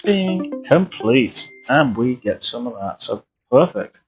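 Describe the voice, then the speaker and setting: A man's voice: mid-range voice, big pitch swings, takes it slowly, husky, soft background music. A man chatting casually and rambling through live flight sim commentary, often restarting his sentences. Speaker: streamer.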